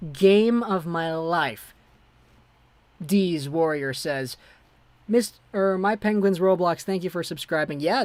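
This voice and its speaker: A young man with a high-sitting voice hosts a casual hockey livestream, chatting loosely while he reads viewer messages aloud and thanks subscribers. The recording is dry.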